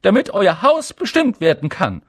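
Brief: a man playing a stern elderly witch-teacher, much higher, loud and formal. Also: huge pitch swings, moderate pace, dry recording, clean studio sound, full character voice. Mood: commanding. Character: strict older female professor, commanding.

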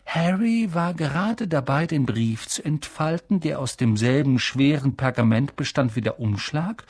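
An audiobook narrator reading a story in a measured, expressive way. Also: medium pitch, breathy edge, no room sound. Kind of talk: scripted narration.

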